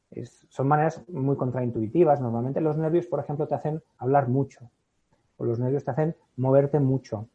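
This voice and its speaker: Appearing as a podcast guest, a public speaking expert with a Spain Spanish accent explains his ideas animatedly, acting out little scenes and repeatedly checking in with "¿no?". His mid-range voice is slightly rough, and the audio sounds thin, like a phone line.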